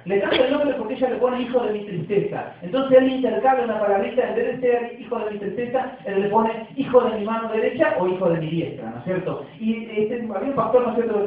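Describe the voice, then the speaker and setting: Heard from far away in a heavily reverberant church through tinny, phone-like audio, an Argentine man delivers a sermon. His voice is high, and he keeps the tone conversational, often tacking on tag questions to engage the congregation.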